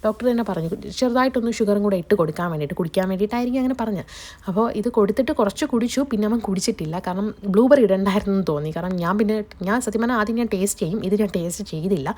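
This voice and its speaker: A young woman records a casual vlog in her family's home kitchen, speaking very fast in a warm, medium-pitched voice. She chattily walks viewers through her day and her cooking, her voice changed because she has a cold.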